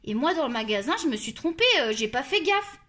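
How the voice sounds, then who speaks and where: Testing art supplies on her coloring channel, a Marseille-accented Frenchwoman chats loosely and mocks herself while trying coloring pencils. Her fairly high voice is sing-song, a little fast and a bit bright.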